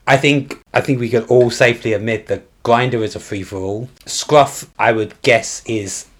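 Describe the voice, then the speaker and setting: A British man chatting casually as a podcast co-host, with soft R sounds that come out like w. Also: medium pitch, normal speed. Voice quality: can't pronounce R properly, says w for r. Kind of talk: casual chat.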